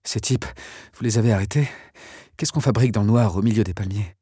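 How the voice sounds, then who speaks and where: A man's voice: on the low side, a little fast, warm tone, breathy edge, no room sound, studio quality. A man voicing a defiant young woman dazed from sedatives, speaking in a groggy, combative and bewildered way. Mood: dazed, confused.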